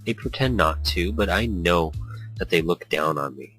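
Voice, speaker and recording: Reading a visual novel in a brooding, inward-looking first-person style, this man has a low, animated, slightly bright voice. He darts briefly into little character voices, and faint background music plays.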